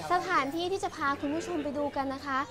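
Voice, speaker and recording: A woman's voice: high-pitched, quick pace. A woman in her thirties, a travel vlogger talking chattily to viewers while feeling seasick, filmed on a camera held at arm's length outdoors. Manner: chatty, animated, addresses viewers directly. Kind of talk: casual travel vlog to camera. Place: outdoors on a boat and on a busy pier. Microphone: action camera held at arm's length. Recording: loud crowd and music behind.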